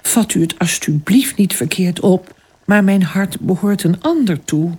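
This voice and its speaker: Narrator doing a shy stammery fairy-tale girl, soft and bouncy in pitch. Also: lively intonation, unhurried, slightly rough. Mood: timid. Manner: timid, stammering. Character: shy young peasant girl turned lady-in-waiting.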